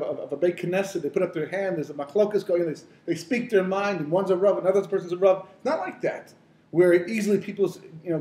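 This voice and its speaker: Brief: male rabbi lecturing informally, warm tone, echoey room. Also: high voice. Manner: conversational, storytelling, many fillers and asides. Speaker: rabbi teaching the weekly Torah portion.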